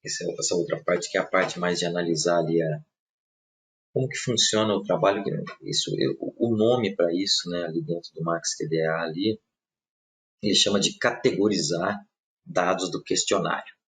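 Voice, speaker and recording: A man, casually walking viewers through software in a live webinar, speaking softly and often checking in with his audience. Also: low voice, moderate pace. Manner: casual, talks through clicks, many tag questions. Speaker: software trainer. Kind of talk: live webinar screen-share demo.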